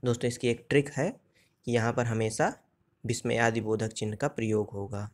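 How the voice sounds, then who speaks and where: A male teacher giving an exam-prep grammar lesson, explaining step by step and asking and answering his own questions. He recites verse examples slowly. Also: medium pitch, fairly even intonation.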